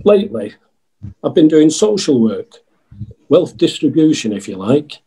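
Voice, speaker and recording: A man playing an earnest, genial out-of-work outlaw in a pantomime sketch, with a husky voice. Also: a little high, big pitch swings, a little slow, warm tone, full character voice, poor audio.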